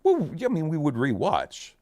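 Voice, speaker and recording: A man hosting a podcast in casual chat, excitable and swearing a lot. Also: a little high, moderate pace, no echo. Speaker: podcast host.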